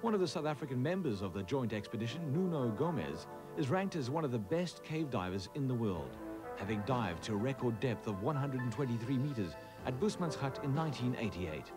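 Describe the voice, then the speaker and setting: A man giving scripted documentary narration in a measured, informative way. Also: mid-range voice, sing-song. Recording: voice-over with music behind. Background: music.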